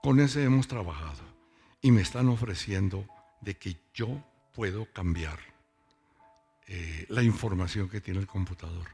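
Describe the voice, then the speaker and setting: Man, pastor, sermon to a congregation, low husky voice, soft music behind. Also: a little slow. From Boyacá, Colombia. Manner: conversational, asks the congregation questions. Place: church service with congregation.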